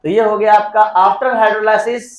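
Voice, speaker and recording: A man's voice: sits high, flat delivery, slow, dull audio. A man teaching a chemistry class, dictating reaction steps one by one and prompting students to answer. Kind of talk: classroom lecture. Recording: echoey classroom.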